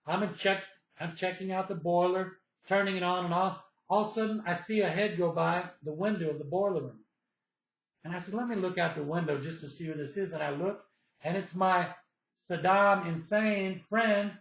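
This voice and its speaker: Older man, high pitch, meandering personal storyteller, roomy echo. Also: fairly even intonation, normal speed, gravelly, a bit bright. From United States. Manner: rambling, repeats himself, acts out dialogue in the retelling. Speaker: vlogger. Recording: echoey, slightly dull room sound.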